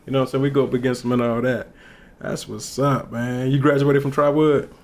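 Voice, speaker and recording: A thirty-year-old podcast host from Ohio chats casually into a desk mic on a boom arm in a small indoor studio with a backdrop. He's laid-back and slangy and hypes up his guest. His mid-range, darkish voice is brisk with flat delivery.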